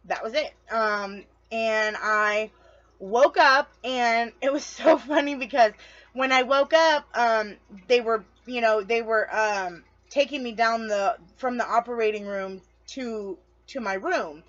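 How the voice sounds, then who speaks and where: A woman's voice: a little high, slow pace, a bit bright, dull audio. A woman telling her story to camera in a casual vlog, chatty and rambling, losing her train of thought and talking straight to her viewers. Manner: chatty, addresses viewers directly. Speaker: vlogger.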